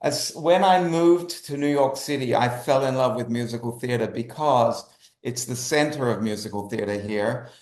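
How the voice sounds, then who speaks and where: An Australian writer and animator answers interview questions as a guest, speaking emphatically and repeating phrases for effect. His mid-range voice has a darkish tone and moves at a normal speed. The recording sounds roomy and echoey.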